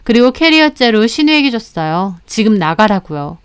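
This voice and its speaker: A woman's voice: a little high, sing-song, normal speed, clear, resonant tone, dry recording. A young adult woman narrating her own story in a firm, matter-of-fact way.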